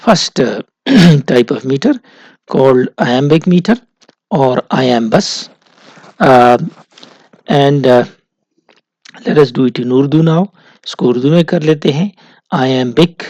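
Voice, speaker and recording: Slow, hesitant male lecturer. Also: mid-range voice, darkish tone, slightly rough, no echo. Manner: slow, explanatory, with many hesitations. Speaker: literature lecturer. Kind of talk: recorded classroom lecture. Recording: dull, dry lo-fi recording.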